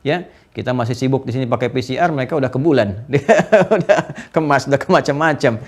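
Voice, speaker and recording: A man giving a lively religious lecture as a preacher, animated, often jumping up in pitch with laughs and asides. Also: fast.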